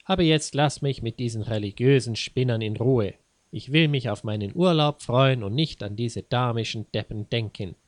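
A man's voice: medium pitch, moderate pace, no room sound, close to an everyday voice. A clumsy, grumpy husband who gripes and rants at length, voiced by a male narrator. He sounds close and dry, with a plain mid-range voice. There is little change from the narrator's own tone. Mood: ranting. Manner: grumbling, ranting.

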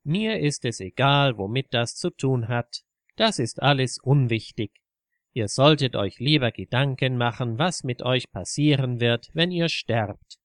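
A man voicing a devout man who speaks calmly and earnestly in a measured way. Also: medium pitch, no echo, studio quality, lightly acted.

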